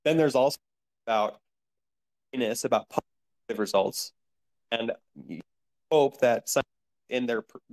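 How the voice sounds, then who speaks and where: A man's voice: medium pitch, measured pace, pauses often, darkish tone, rough recording. A man speaking as a podcast guest over a video call, earnestly explaining, his voice choppy and cutting in and out. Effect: choppy voice cutting in and out over a call connection. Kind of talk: remote podcast interview.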